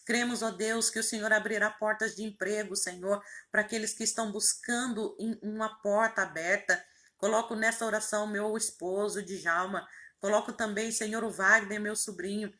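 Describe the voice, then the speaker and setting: A woman's voice: mid-range voice, fairly even intonation, moderate pace, pushed and bright. A woman, a pastor leading a fervent spoken prayer with repeated invocations and rising emphatic phrases.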